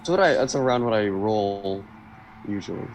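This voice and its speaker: A man's voice: on the low side, animated, normal speed, background noise. A man chatting casually as a player in a tabletop roleplaying game.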